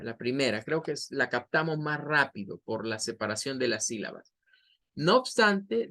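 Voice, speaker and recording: A man teaching a beginner English class, explaining step by step and repeating words slowly for students to copy. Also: fairly high pitch, fairly bright tone. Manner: patient, repeats pronunciation drills. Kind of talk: online class lecture.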